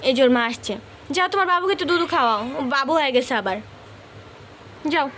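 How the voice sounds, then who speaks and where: A woman's voice: high voice, lively intonation, fairly quick, fairly bright tone, a little hiss or hum. A woman, talking in coaxing, sing-song baby talk to her cat at home and turning aside to viewers. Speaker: pet vlogger. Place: home indoors.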